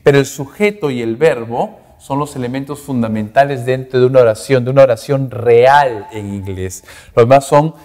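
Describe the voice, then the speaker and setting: Profesor que habla con mucha reverberación. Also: male voice, mid-range voice, normal speed, hardly any pauses, a little mellow. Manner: explains in Spanish with English examples, tags phrases with "¿no?" and "¿ok?". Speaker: English teacher. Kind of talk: recorded class lecture. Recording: echoey hall reverb.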